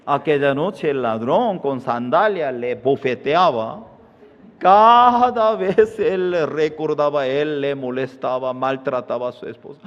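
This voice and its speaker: Slow-speaking pastor in a reverberant church. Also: male voice. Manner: animated storytelling, jumping into high squeaky voices for quoted people. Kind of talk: sermon with acted-out anecdote. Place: church hall. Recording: dull sound in a reverberant church hall.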